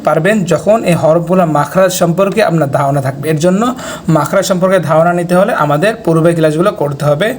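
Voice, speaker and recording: A man's voice: a little high, a little mellow, slight background noise. Man drilling letter sounds in rhythm. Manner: patient, rhythmic drilling with check-ins to learners. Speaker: Quran reading teacher. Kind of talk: online lesson, spelling out letters and vowel marks.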